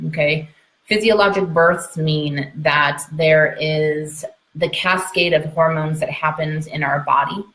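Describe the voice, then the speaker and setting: A midwife and trainer gives an informal educational talk to an online audience, speaking emphatically, repeating key points and checking in along the way. Her voice is low and a bit bright. The recording sounds roomy and echoey.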